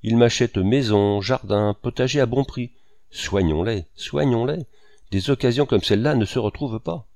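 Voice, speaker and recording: A man's voice: medium pitch, normal speed, darkish tone, dry recording, clean studio sound, lightly acted. A man voicing a boastful, exuberant male painter who talks grandly and at length. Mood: jovial. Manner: grandiose, voluble.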